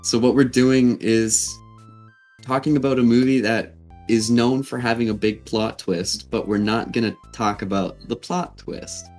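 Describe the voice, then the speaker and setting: A man's voice: medium pitch, fairly even intonation, unhurried, a little mellow, faint music behind. A man hosting a podcast in a casual, conversational style. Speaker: podcast host. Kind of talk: casual chat.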